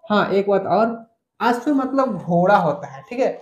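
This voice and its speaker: A man's voice: sits high, big pitch swings, a little slow. Echoey male teacher explaining step by step. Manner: explains step by step, repeats key points, asks students questions. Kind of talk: online grammar lesson. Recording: echoey room.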